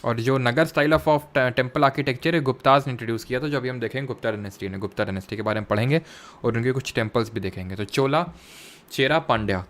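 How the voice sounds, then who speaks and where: A young Indian-accented man leads an exam-prep history class. He keeps asking his students questions and then answers them himself. English terms turn up all through his speech, and his pitch sits at an ordinary middle level. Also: fast talker, a bit bright. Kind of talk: classroom lecture with quiz questions.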